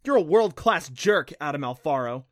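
A man voicing a spirited, touchy preteen girl in an audiobook, raised high and excitable. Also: full character voice. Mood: angry. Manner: high, excitable, quick to anger.

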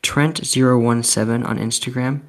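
A man with a gravelly, husky voice chatting as a podcast guest, emphatic and self-mocking. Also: mid-range voice, steady tone, normal speed. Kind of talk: casual chat.

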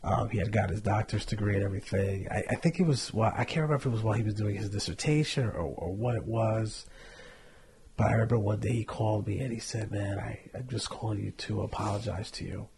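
A man on a faith podcast sharing a candid personal testimony, earnest and reflective with soft trailing asides. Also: fairly low pitch, fast talker, background noise.

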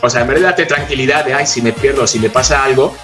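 A man's voice: mid-range voice, fast talker, music in the background. A man with a Spain Spanish accent, telling anecdotes as co-host in a casual chat and acting out the voices in his quotes. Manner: animated anecdote teller, acts out voices in quotes.

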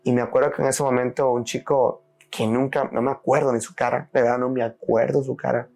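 A man's voice: mid-range voice, flat delivery, fairly quick, gravelly, a little mellow. A young man hosting a podcast, sharing a personal faith testimony in an earnest way, acting out his own prayers aloud and laughing between lines. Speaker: podcast host. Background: faint music.

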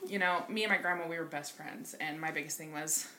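A woman's voice: deep voice, fast, sharp tone, slight background noise. A woman in her twenties, a podcast guest chatting candidly and laughing easily. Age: 20s. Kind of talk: casual podcast chat.

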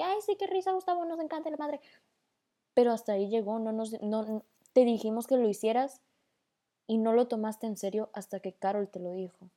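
Chatty northern Mexican woman, mellow voice. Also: fairly high pitch. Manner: chatty, rambling, mixes in English slang. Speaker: podcast host. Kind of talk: casual voice-memo podcast.

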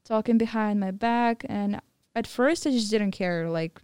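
A young woman of Mongolian and German background who lives in Thailand is a podcast guest, candidly telling her story in casual chat with many fillers. Her medium-pitched voice is a little mellow and clean at a measured pace, recorded in a clean studio with no echo.

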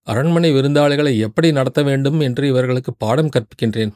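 A man's voice: medium pitch, a little mellow, no room sound, studio quality, natural voice. A man voicing a bold young warrior envoy. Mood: indignant. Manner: rapid, scolding torrent of words. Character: young bold male warrior envoy, indignant and sharp-tongued.

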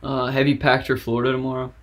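A man's voice: mid-range voice, completely flat delivery, fast, fairly bright tone. A young man co-hosting a casual podcast, upbeat and full of playful questions. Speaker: podcast co-host.

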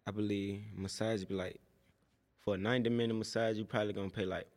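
A man's voice: fairly low pitch, fairly even intonation, quick pace, a little mellow. A young man from Tennessee, a podcast guest, chatting casually in laid-back slang about his business. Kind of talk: casual chat.

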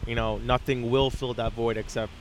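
A man's voice: mid-range voice, level tone, normal speed, a little hiss or hum. A man hosting casual street interviews, asking questions with frequent fillers and affirming murmurs.

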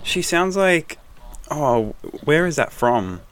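A man's voice: on the high side, big pitch swings, slow pace, a bit bright, a little hiss or hum. A young man co-hosting a casual reaction chat, blunt and jokey, swearing freely. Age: young adult. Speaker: co-host.

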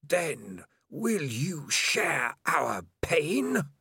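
A man doing a slow, hissing creature voice. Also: fairly high pitch, sing-song, creaky, bright, forceful tone, breathy edge, no echo, voice pushed up, exaggerated voice. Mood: menacing. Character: hissing malevolent many-minded rat creature voice.

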